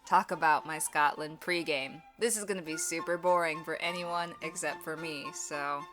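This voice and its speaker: A young woman chatting through a casual vlog with voiceover bits, full of quick self-mocking jokes. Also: low voice, fairly even intonation, a bit bright, faint music behind. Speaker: vlogger and touring puppet theatre performer.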